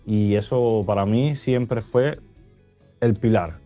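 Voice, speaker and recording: A man, giving earnest, halting interview answers full of restarts. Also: on the low side, mellow, highs cut off, faint music behind. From Cuba. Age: 30s. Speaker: guest.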